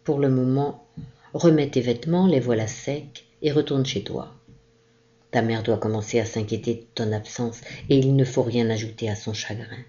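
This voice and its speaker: Gentle old sea captain read by a woman, caressing and reassuring, warm low tone, dull lo-fi sound. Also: fairly even intonation, moderate pace.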